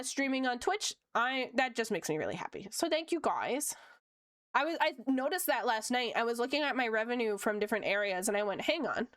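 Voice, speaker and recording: A woman's voice: medium pitch, no echo, studio quality. A woman, chatting casually on her stream while she draws, upbeat, often laughing and using lots of fillers. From Canada (Ontario). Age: late 20s. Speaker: streamer and VTuber. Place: home room.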